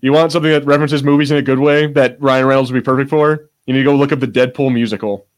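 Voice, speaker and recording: Speaking very fast in a steady, medium-pitched voice, this man co-hosts a podcast with loose, off-the-cuff banter. He wanders, hunts for words, cuts himself off partway through thoughts, and drops some swear words.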